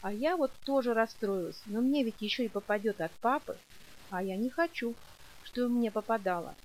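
A woman's voice: on the high side, normal speed, lightly acted, rough recording. A woman reading an audiobook and voicing a willful, defiant young girl who explains herself with stubborn childish logic.

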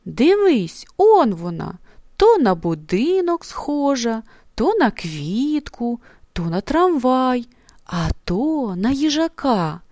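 A woman reading a children's story aloud in an expressive manner, often dropping into soft, hushed passages. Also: fairly high pitch, takes it slowly, dry recording, studio quality.

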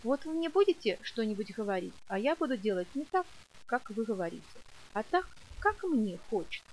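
A woman's voice: fairly high pitch, sing-song, normal speed, darkish tone, a little hiss or hum, low-quality recording. A woman reading an audiobook and voicing a willful, defiant young girl who explains herself with stubborn childish logic.

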